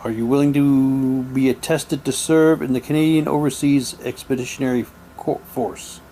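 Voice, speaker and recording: Reviewing mail-order radio drama props, a man reads papers aloud and thinks out loud during a casual unboxing. His mid-range voice is warm and steady at a moderate pace, though the rough recording has obvious background noise and room ambience.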